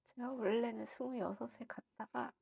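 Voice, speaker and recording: A woman's voice: a little high, fairly even intonation, normal speed, gravelly, darkish tone, husky, no echo. A woman client who gives brief, subdued replies to the fortune teller, heard faintly from far off.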